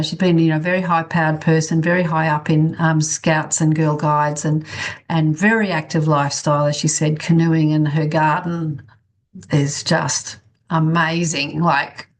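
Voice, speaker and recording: Woman workshop instructor, slightly low pitch, conversational and encouraging, guiding exercises on a video call. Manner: encouraging, checking on participants. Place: online video-call class.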